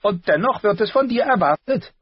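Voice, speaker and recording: Man reading a cutting, clever lord with a raised, lively voice, storybook reading. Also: sits high, moderate pace, husky, no echo, dull audio, pitched above the performer's own voice. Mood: mocking stern. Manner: cutting, scolding. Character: sardonic clever male noble, sharp-tongued uncle.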